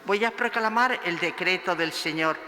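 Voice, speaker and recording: A male lector with a high, bright voice reads scripture and a psalm in a large church, measured and declaiming each phrase in a slow, solemn liturgical style. The recording carries a long cathedral reverb and faint hiss.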